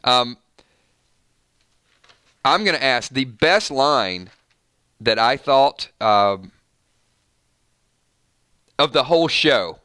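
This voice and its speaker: A man hosting a live fan reaction stream, his voice bright and crisp. He talks excitedly and rambles, often restarting his sentences. The sound is dry and close. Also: mid-range voice, drawn-out words, pauses often, no echo. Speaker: channel host.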